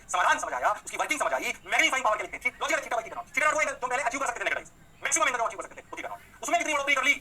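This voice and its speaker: A man's voice: high voice, pushed and bright, rough recording. A man teaching physics in a lecture. He talks energetically, coaxes his students along and answers for them in call and response. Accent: Hindi. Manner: fast, rapid-fire explanations.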